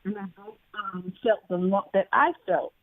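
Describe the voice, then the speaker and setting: A woman tells her personal story as an interview guest over a tinny phone line. Her mid-range voice is fairly even in intonation and moves at normal speed, and she speaks hesitantly with many fillers. There is no echo.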